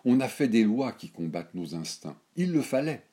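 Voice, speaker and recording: A man's voice: mid-range voice, sing-song, normal speed, dark tone, voice pushed up, natural voice. A man voicing an indignant, worldly old grandmother of noble birth who lectures her granddaughter in a scornful, declamatory way in a storybook reading. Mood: lecturing.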